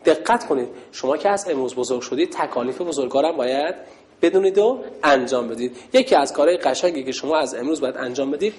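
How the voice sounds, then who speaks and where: Animated woman teacher calling out chants. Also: very deep voice. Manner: animated, shouting chant cues, cheerful praise. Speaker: religious teacher for girls. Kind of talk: call-and-response lesson with children. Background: children's chatter.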